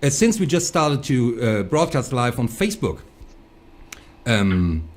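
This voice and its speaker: A man co-hosts a casual chat, introducing a guest and often breaking off to restart his sentences. His pitch sits in an ordinary middle range for a man. He is speaking over a video call. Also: big pitch swings, unhurried. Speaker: co-host.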